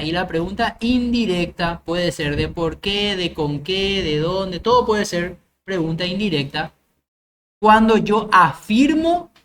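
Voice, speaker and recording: A woman teacher, walking through grammar rules one by one with examples. She keeps stopping to ask whether the class follows. Faint noise sits under her voice. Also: lowish voice. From Paraguay. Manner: explains step by step with examples, checks understanding. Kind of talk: grammar lecture.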